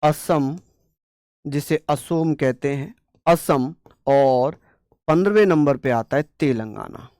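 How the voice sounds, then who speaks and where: Dry-voiced teacher drilling with call-and-response. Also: male voice, on the high side, slow, pauses often, darkish tone, no echo. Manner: repeats questions and answers them himself in a call-and-response way; playful, jokey mnemonics with scolding asides. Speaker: exam-prep teacher. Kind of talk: online coaching class lesson.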